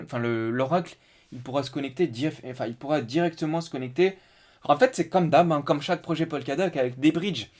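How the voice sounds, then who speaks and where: A man's voice: fairly high pitch, a little mellow. A man hosting a casual live stream, thinking aloud as he goes through a web page, with many fillers and restarts. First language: French.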